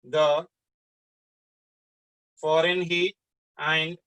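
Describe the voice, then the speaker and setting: A male teacher with a South Indian accent speaks in a bright, forceful voice. He works through a physics lesson interactively, restating key phrases and putting questions to his students. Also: fairly high pitch, flat delivery, extremely slow, clear, resonant tone. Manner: repetitive, often checks in with questions.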